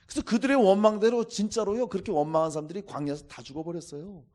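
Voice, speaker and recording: A man's voice: sits high, steady tone, fast, dark tone. A man preaching a Sunday sermon as pastor, emphatic and exhorting his congregation again and again.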